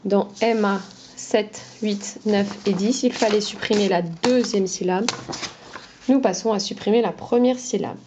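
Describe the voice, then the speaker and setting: A woman's voice: medium pitch, fairly even intonation, a little slow, background noise. A woman schoolteacher giving a phonology lesson to young children, carefully sounding out each syllable. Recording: dull lo-fi recording.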